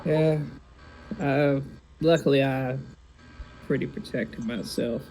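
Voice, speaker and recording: A man taking part in a tabletop game, talking in a halting way with many fillers. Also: medium pitch, fairly even intonation, a little mellow, soft background music, low-quality recording. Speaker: player. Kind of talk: tabletop role-play chat.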